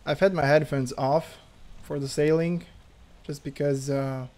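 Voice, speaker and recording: A man giving excitable let's play commentary, laughing and talking to himself as he plays. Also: fairly high pitch, measured pace, a little hiss or hum. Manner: excitable, laughs, talks to himself while playing. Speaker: gaming YouTuber. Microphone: headphones on, desk mic.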